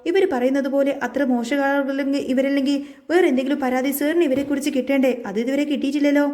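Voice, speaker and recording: A woman's voice: high voice, steady tone, fast talker, a little mellow, natural voice. A woman reading as a firm, wronged young wife. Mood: resolute. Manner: firm and resolute.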